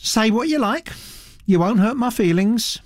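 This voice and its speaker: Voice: medium pitch, animated, measured pace, no room sound, voice pushed up, close to an everyday voice. A narrator playing an indifferent, sardonic young woman artist who speaks in a lazy, placid drawl. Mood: placid amusement.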